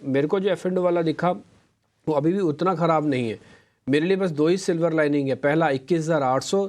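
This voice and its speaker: A man's voice: on the high side, darkish tone. A man anchoring a live stock market show, chatting and coaching viewers directly while giving market commentary.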